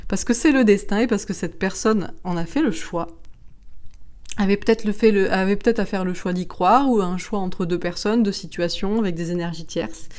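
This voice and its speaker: A woman's voice: mid-range voice, normal speed, darkish tone. A woman giving a casual astrology and tarot reading to camera, chatty and rambling, laughing often and using slang. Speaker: tarot card reader.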